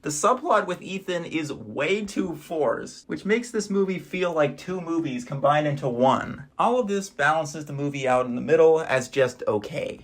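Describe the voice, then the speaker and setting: A man's voice: fairly high pitch, animated, moderate pace, hardly any pauses. A man giving a casual, wry voice-over review of movies he watched, with dry asides.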